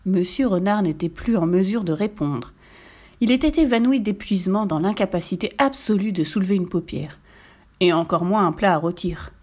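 A woman reading a children's storybook aloud, gentle and expressive. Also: medium pitch, normal speed.

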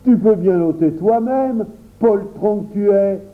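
A man's voice: sits high, unhurried, voice pushed up. A man voicing a boy who indignantly mocks a cowardly friend, in a tinny phone-like recording. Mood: scornful. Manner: indignant, mocking.

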